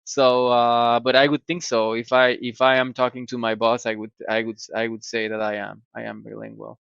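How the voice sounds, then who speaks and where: A computer scientist in his forties with a Mexican Spanish accent gives casual interview answers in English as a guest, halting often with fillers and restarts. His gravelly, mid-range voice is a bit bright with little pitch movement. The audio comes over a dry, slightly dull, somewhat muffled video call.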